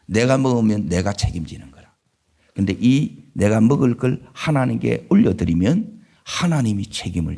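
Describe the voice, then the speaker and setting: A male pastor with a Gyeongsang Korean accent preaching a sermon in a church, asking the congregation questions and swinging between loud emphatic lines and low murmured asides. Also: breathy edge. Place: church sanctuary.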